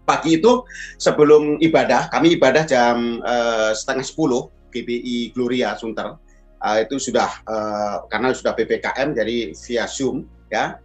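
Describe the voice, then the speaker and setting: A middle-aged man telling a personal testimony in a sermon as pastor, with animated storytelling. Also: medium pitch, normal speed, soft background music. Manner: animated storytelling, acts out quoted voices.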